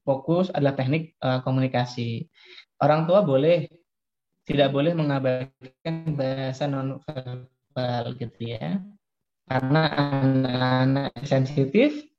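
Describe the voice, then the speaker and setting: Man, psychologist for a parenting seminar, higher voice, warm and soft, lively and direct with parents, dull lo-fi sound. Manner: lively, addresses parents directly, often laughs. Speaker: child psychologist speaking to parents. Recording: dull lo-fi recording.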